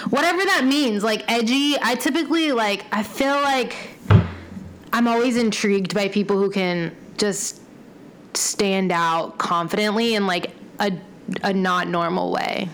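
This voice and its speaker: A woman's voice: medium pitch, measured pace, a bit bright, slight background noise, low-quality recording. A young woman in casual chat, rambling with many fillers and casual swearing.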